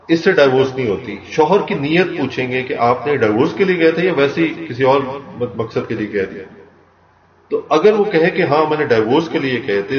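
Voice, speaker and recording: A man calmly teaching a religious law lesson, explaining step by step and repeating key points. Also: medium pitch. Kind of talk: explanatory lecture mixing Urdu and English terms. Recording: echoey, distant, dull lo-fi room recording.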